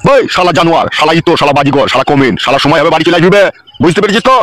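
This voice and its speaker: A man's voice: on the high side, animated, rapid-fire, fairly bright tone, no echo. A man voicing a fed-up village father who rants and curses in a cartoon. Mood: ranting. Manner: ranting, cursing, exasperated. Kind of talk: cartoon voice acting.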